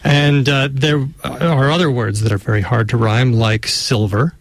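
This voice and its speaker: Relaxed man hosting a radio chat. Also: medium pitch, a little slow, vocal fry, no room sound. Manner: relaxed, chatty, many "uh" fillers, reads items aloud. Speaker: radio show host.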